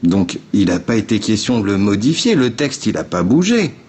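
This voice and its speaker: Here a man hosts a phone livestream, explaining things one step at a time with blunt, informal directness, swearing and talking right to his viewers. His voice sits on the low side with a darkish tone and a sing-song lilt, delivered at a normal speed.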